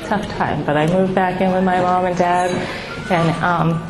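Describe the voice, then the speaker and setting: This middle-aged woman speaks in a soft, small voice she describes as baby-like, pitched on the low side with a level tone. She pauses often as she gives a heartfelt, halting account of her grief to the audience at a support gathering. The room echoes, with background noise and music behind her.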